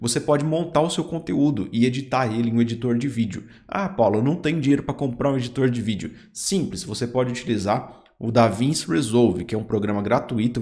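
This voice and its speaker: A man with a Brazilian Portuguese accent hosting a software tutorial, chatting straight to the viewer and pointing out each step. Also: medium pitch. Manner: chatty, addresses viewer directly, pointing things out. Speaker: YouTube tutorial host. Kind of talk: screen-recorded software tutorial.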